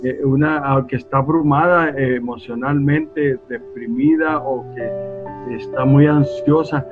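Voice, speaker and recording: A man's voice: medium pitch, fairly even intonation, a little slow, music in the background. A man, a guest commentator on a talk show, explaining his points thoughtfully with many hesitations. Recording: phone-like line.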